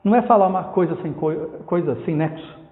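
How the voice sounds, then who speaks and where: A man's voice: fairly high pitch, brisk. A man preaching an expository sermon as pastor, emphatic, asking rhetorical questions and repeating key phrases. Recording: tinny phone-like sound with long hall reverb.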